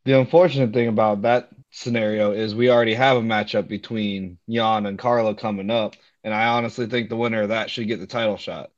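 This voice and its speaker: A man's voice: on the low side, steady tone, fairly quick, hardly any pauses. A man giving his views casually as a panelist in a sports discussion. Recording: dull, muffled lo-fi sound.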